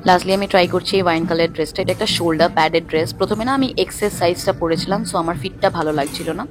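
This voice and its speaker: A woman's voice: on the low side, fairly even intonation, racing, noisy background. A young woman chatting casually to her viewers in a vlog, mixing English phrases into her talk while filming on a phone. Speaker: lifestyle vlogger. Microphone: phone camera.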